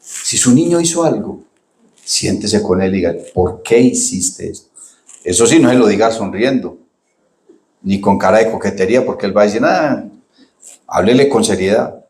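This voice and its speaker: Pastor preaching in an echoey church. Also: male voice, on the low side, animated, normal speed, darkish tone. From Colombia. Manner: conversational preaching, addresses congregation as "hermano". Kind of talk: sermon.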